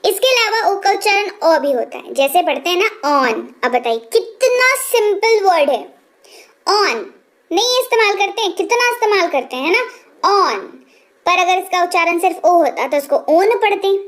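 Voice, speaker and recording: A woman with a very high voice teaches English pronunciation. She says each word slowly, repeats it, then explains what it means. She keeps checking in with the viewer through rhetorical questions. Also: lively intonation, a bit bright. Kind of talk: explanatory spoken lesson.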